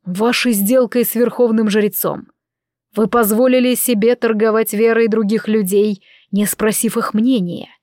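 A passionate young queen from an audiobook, as a woman reads her lines. She speaks with strong feeling in a somewhat high voice, dry and close to the mic. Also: fairly even intonation, measured pace, darkish tone, no echo, close to an everyday voice. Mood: indignant. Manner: emotional, impassioned. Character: young queen, proud and quick-tempered.

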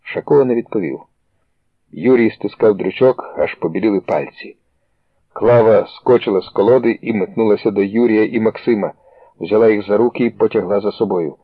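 An audiobook reader tells a story steadily and with measured pacing in a low, husky voice. The audio sounds tinny, like a phone, and is completely dry with no room echo.

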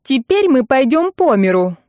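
In an audiobook, a young older sister wails in a high, nasal voice that cracks with hysteria, as a woman reader puts her on. She keeps a shrill, tearful lament going on one note, loud and strained, in a dry, close recording. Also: very animated, normal speed, no echo. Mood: hysterical.

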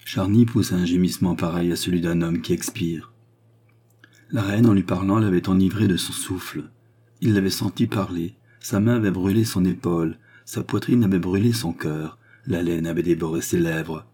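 A man narrating a classic novel as an audiobook in a measured, even storytelling manner. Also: low voice, husky.

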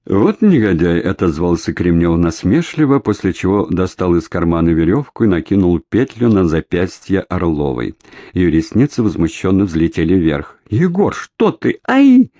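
A man narrating an audiobook in a steady, dramatic reading. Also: low voice, dry recording. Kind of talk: scripted narration.

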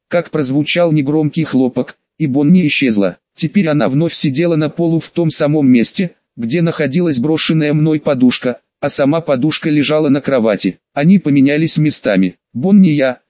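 A man's voice: fairly high pitch, no room sound. Man reading an audiobook, dull lo-fi sound. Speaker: audiobook reader. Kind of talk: first-person audiobook narration. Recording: dull lo-fi recording.

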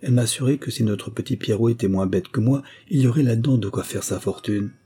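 A man's voice: medium pitch, fast, mellow, slight background noise, lightly acted. Man reading as a humble peasant miller. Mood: plain. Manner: deferential, pleading.

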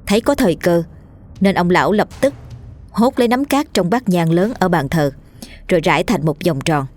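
A woman with a Southern Vietnamese accent narrating a ghost story in a lively, colloquial storytelling manner. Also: on the low side, normal speed.

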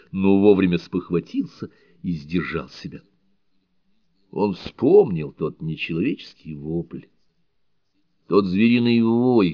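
Low-voiced male audiobook narrator. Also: no room sound, dull audio. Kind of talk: scripted narration.

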